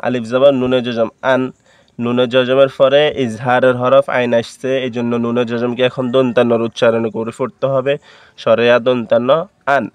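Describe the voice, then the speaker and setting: A man with a Bangladeshi Bengali accent teaching Quran reading, spelling out each letter and vowel mark one by one, then reciting the words slowly and drawn out. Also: medium pitch, little pitch movement, smooth, no room sound.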